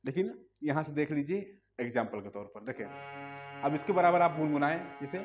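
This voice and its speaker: A man's voice: on the high side, animated, a little fast. A man teaching a music lesson, explaining patiently step by step and asking listeners to hum along.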